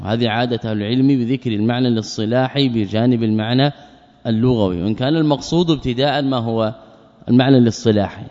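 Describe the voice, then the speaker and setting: A male scholar giving a classroom lecture, reciting verse lines slowly, repeating phrases and posing rhetorical questions. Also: mid-range voice, a little mellow. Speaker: Islamic scholar teaching a text. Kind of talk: classroom lecture explaining a legal poem. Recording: muffled recording with long hall reverb.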